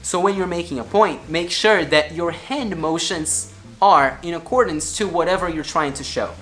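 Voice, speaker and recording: A man teaching a public speaking lesson, animated and expressive, swinging his pitch and loudness to demonstrate points. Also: normal speed, soft background music. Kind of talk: energetic video lesson.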